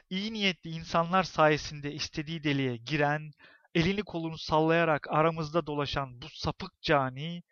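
A man's voice: on the high side, no echo, muffled recording, natural voice. A man putting on an unhinged, menacing neighbor woman. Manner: theatrical, ominous, rising to shouts.

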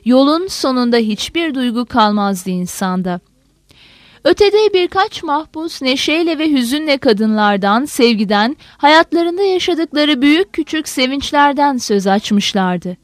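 A woman narrating a novel as an audiobook, in a steady, measured reading. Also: sits high, no echo. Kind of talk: scripted narration.

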